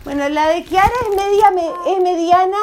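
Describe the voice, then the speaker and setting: High-voiced playful teacher. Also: female voice, moderate pace, darkish tone, slight background noise. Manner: playful, theatrical, acts out sounds for children. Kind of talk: classroom voice exercise with children.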